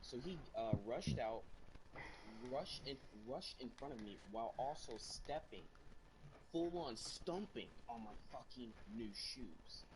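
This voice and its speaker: A teenage boy in casual chat telling an animated, profane story. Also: mid-range voice, measured pace, background noise.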